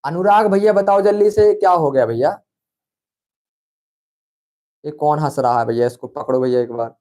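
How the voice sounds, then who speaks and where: A man's voice: on the high side, normal speed, dark tone. A young man teaching a live online quiz class, coaxing students with repeated questions and calling them brother. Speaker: online exam-prep teacher.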